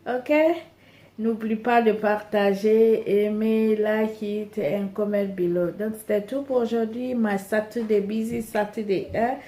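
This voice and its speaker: A woman's voice: mid-range voice, steady tone, slow pace, dark tone. A tired woman vlogging casually while she cooks, chatting playfully to her viewers. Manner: playful, talks to viewers and herself while cooking. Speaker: cooking vlogger. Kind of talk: casual vlog chat, switching between languages.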